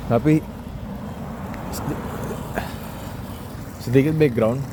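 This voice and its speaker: Walking along a city street, a man around thirty, somewhere in his 20s or 30s, talks slowly in a mid-range voice. He's a solo podcast host rambling casually, peppering his monologue with rhetorical questions. Passing vehicles and clear traffic noise fill the background.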